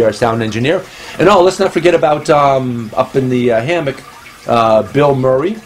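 Male comedy host, slow and meandering, recorded on a phone at home with faint room noise behind. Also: medium pitch, low-quality recording. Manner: rambling, meandering delivery. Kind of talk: comedic monologue.

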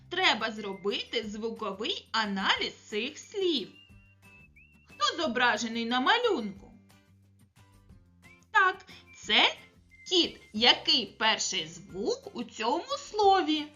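A preschool teacher with a Ukrainian accent giving a remote literacy lesson, speaking slowly and clearly to small children in an encouraging way. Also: female voice, sits high, bright, forceful tone.

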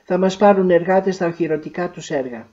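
Woman reading as a calm young resistance fighter, earnest, plain explaining tone, mellow voice, storybook reading. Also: fairly low pitch, dull audio, lightly acted.

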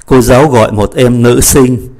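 A man teaching French pronunciation, slowly modeling each phrase and then explaining it. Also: medium pitch, fairly even intonation, darkish tone. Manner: slow, deliberate model readings of French phrases between quick explanations. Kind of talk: pronunciation lesson.

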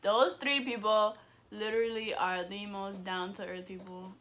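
A young woman hosting a casual storytime chat with friends, excitable and laughing, full of "like" and "literally". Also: medium pitch, unhurried. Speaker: channel host.

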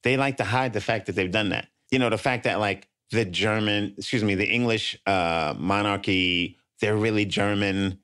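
Low-voiced man, rambling podcast co-host. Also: moderate pace, hardly any pauses, a bit bright, clean tone. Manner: rambling, jokey, self-interrupting. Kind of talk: casual podcast chat.

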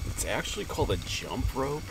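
A man tossing out short deadpan quips in casual chat at a campsite. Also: mid-range voice, fairly quick, vocal fry, distant mic. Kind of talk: casual chat among friends. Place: outdoor campsite at night. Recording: noisy outdoor recording.

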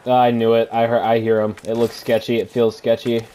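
A man's voice: medium pitch, monotone, brisk, mellow. A man streaming a horror game with live commentary, sounding scared and panicky, in casual slangy talk with swearing.

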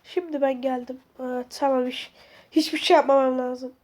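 A high-pitched woman playing a horror game and commentating as she goes. She is sick with a sore throat, yet still yells, curses and panics at every scare, then drops to tense mutters. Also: steady tone, moderate pace. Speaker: gaming video host. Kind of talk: excited let's-play commentary.

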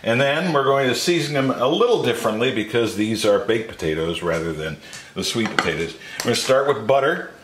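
A man in his sixties with a mid-range, slightly bright voice speaks fairly quickly with lively intonation, a little hiss or hum in the background. Host of a home cooking channel, he presents a casual video from his home kitchen and backyard patio, folksy and full of jokey asides.

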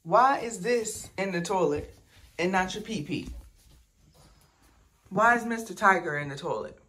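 A woman's voice: medium pitch, expressive, a little slow, fairly bright tone. A woman in her thirties chatting casually to camera in a family vlog, talking to viewers like friends. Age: 30s. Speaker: vlogger, mom and doctor. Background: background music.

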